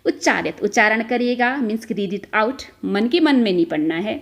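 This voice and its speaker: Woman teacher going through a lesson step by step, kinda high voice, keeps checking in with her students. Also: expressive, moderate pace. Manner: explains step by step, repeats "ठीक है" often, mixes in English words. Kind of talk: explaining a school textbook lesson.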